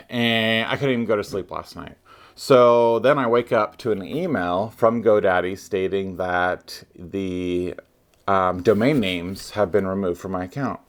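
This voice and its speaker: Deep-voiced man rambling to camera. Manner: rambling, many ums and restarts. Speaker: vlogger. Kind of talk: unscripted casual vlog to camera.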